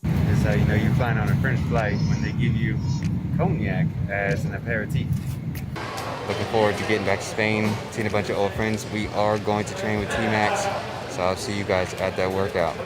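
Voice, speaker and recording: An American man with a low-pitched voice records a casual travel vlog. He talks in a conversational, reflective way, as if sharing thoughts with his followers. Loud music plays behind him. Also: little pitch movement, normal speed. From United States. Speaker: travel vlogger. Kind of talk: casual vlog chat to camera.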